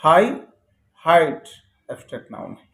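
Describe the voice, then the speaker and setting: A male teacher gives an English grammar lesson, reading each English line slowly and then breaking it down step by step. His voice sits fairly high for a man. The sound carries a clear room echo. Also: expressive. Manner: explains step by step, reads English lines slowly then repeats them. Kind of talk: classroom-style grammar lesson. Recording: echoey room.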